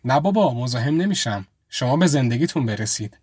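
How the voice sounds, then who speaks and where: A timid young woman traveler pleads softly and politely for help, her words hesitant and full of apology, as a male storyteller reads her part. The voice sits in a middling register and keeps an even, gentle delivery. It is close and dry, with no room around it. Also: mid-range voice, slightly rough, no room sound. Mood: apologetic. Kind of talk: audio story reading.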